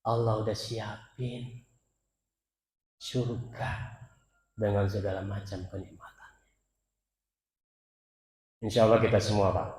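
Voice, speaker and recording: A man preaching a sermon at a mosque, swinging between loud calls and soft near-whispers and chanting Arabic verses, speaking directly to the congregation. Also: lowish voice, level tone, slow, long pauses, slight background noise. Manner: addresses the congregation directly as "Pak". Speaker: preacher at a dawn mosque study. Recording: echoey mosque hall with long reverb.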